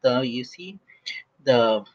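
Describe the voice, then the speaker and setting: Man demoing software, lo-fi audio. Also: medium pitch, animated, takes it slowly. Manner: casual, thinking aloud, many restarts and fillers. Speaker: SAP instructor. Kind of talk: screen-recorded software tutorial.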